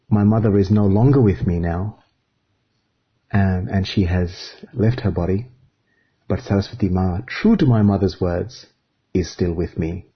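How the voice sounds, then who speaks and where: A man from Fiji giving an earnest, measured reflective spiritual talk as a guest speaker, phrase by phrase. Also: on the low side, husky, highs cut off.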